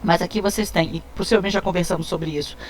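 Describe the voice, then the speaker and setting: A woman's voice: on the low side, steady tone, fast talker, creaky. A Brazilian woman teaching a recorded Spanish lesson to schoolchildren, moving between Spanish and Portuguese, drawing out vocabulary words and often checking in with the class.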